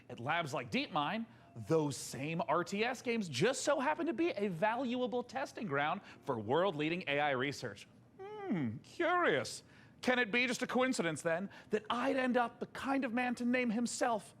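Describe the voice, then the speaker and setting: Male showcase host, theatrical and tongue-in-cheek; highish, very lively delivery. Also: normal speed. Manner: theatrical, playfully self-mocking. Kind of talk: scripted show hosting.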